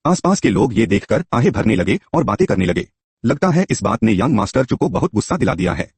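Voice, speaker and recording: A man tells a story aloud in a scripted, storybook manner, reading the characters' lines himself. His voice is husky and breathy, and his pitch moves a lot. The recording is dry and close, with no room sound. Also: very animated, brisk, a little mellow, no room sound. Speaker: narrator.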